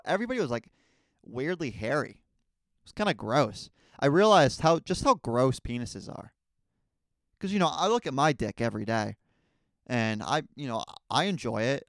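A young man hosting a podcast, rambling through a casual comedic monologue with crude, deadpan asides. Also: medium pitch, no echo, studio quality. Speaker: podcast host.

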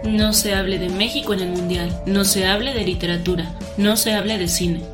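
A woman's voice: medium pitch, fairly even intonation, moderate pace, over music, natural voice. A woman voicing a female voice assistant in a podcast intro jingle, sing-song and announcer-like. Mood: announcing.

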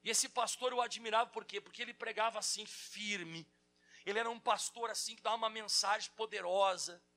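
A man preaching a lively sermon, acting out quotes and telling stories to the congregation. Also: sits high, brisk. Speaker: pastor.

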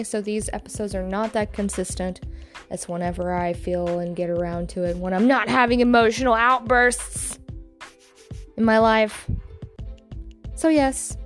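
A woman hosting a solo podcast, talking frankly with many pauses and ums, often swearing. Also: a little high. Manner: hesitant and halting. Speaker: podcast host. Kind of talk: casual solo podcast monologue.

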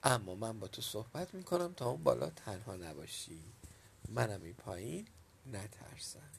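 A man's voice: fairly low pitch, big pitch swings, gravelly, slight background noise. A man voicing a worried, caring old village woman in a storybook reading, lifting his voice a little for her. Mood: gentle.

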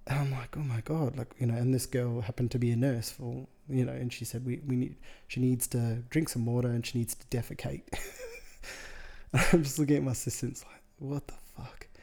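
Man, gravelly, dark tone, rambling anecdote, quotes others. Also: mid-range voice, flat delivery, brisk. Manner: rambling, amused, with quoted dialogue and self-interruptions. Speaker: podcast host, wedding photographer. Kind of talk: casual storytelling.

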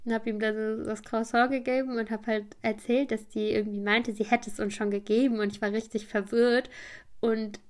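A woman's voice: fairly high pitch, level tone, moderate pace, a little mellow. A woman hosting a podcast, telling a story in a rambling, chatty way with many fillers. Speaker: podcast host.

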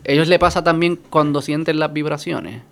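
A man's voice: a little high, fairly even intonation, normal speed, gravelly, a bit bright. A man hosting a casual interview, asking curious and enthusiastic follow-up questions. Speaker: host.

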